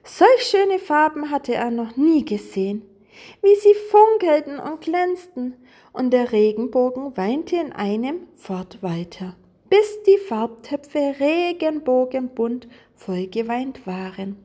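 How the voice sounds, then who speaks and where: A woman reading a children's Easter story aloud in a warm, expressive manner. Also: sits high, slow pace.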